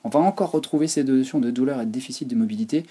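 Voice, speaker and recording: A man's voice: medium pitch, rapid-fire, warm tone, husky. A man giving an informal, explanatory online lecture on physiotherapy.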